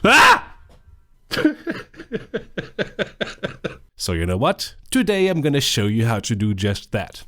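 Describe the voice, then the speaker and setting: A man with a cold and a nasal voice, hosting a chatty, relaxed tutorial with joking asides. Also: on the low side, normal speed. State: sick with a stuffy nose. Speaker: tutorial host. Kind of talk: screen-recorded coding tutorial.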